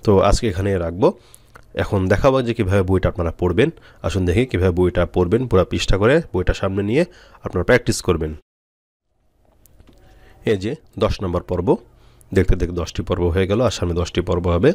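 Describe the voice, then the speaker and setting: A man's voice: low voice, quick pace, long pauses, darkish tone, no echo. A man teaching Quran reading step by step, spelling out letters and repeating syllables for his students to drill. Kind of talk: step-by-step recitation lesson.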